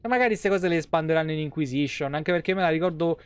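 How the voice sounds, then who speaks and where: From a small room in his home, this young adult streamer swears freely and responds animatedly to the game and his chat in casual commentary. His voice is on the high side, quick, clear and resonant, with no echo.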